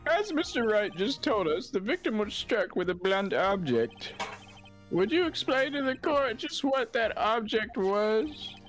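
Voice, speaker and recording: A woman reading the part of a stately old male judge, questioning the court in a deliberate way. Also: on the high side, lively intonation, soft background music. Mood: measured.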